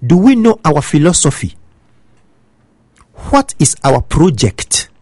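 A man's voice: on the high side, very animated, slow, a little mellow, no echo. A man from Ghana with a Ghanaian accent, giving opinionated football commentary and pressing his point with emphatic rhetorical questions. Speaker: football pundit.

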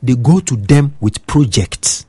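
A man's voice: medium pitch, lively intonation, unhurried, warm tone, breathy edge, no room sound. A man from Ghana with a Ghanaian accent, giving opinionated football commentary and pressing his point with emphatic rhetorical questions. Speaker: football pundit.

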